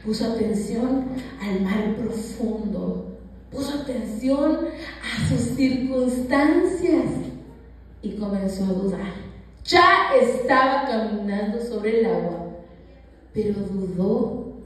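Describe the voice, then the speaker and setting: A woman's voice: a little high, lively intonation, takes it slowly. A woman preaching a sermon in a church, with strong emphasis, sometimes acting out quoted dialogue. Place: church sanctuary. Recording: echoey church hall, voice from a distance.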